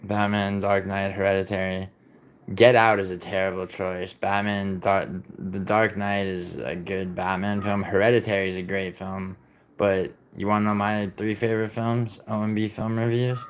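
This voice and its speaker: A livestreamer with a very deep, low, clean-toned voice chats loosely with viewers, answering their messages as they arrive at a moderate pace and a level tone. He rambles, swears freely and keeps restarting sentences with "like" and "I mean." He was born in Italy and raised in New York.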